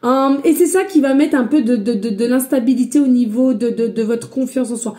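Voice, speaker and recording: This woman psychic vlogs casual spiritual guidance, giving a reading in a loud, mellow, somewhat high voice at a brisk pace, by her own account loud, with a slight accent she points out. She's chatty and hesitant, full of fillers, and treats viewers as friends.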